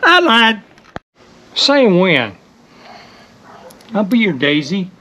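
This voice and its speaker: Slow, lively joking man in a garage. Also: sits high, a little hiss or hum, rough recording. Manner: joking, teasing, chatty. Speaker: host of a rat rod build video. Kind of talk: casual shop talk during a build. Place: home garage workshop.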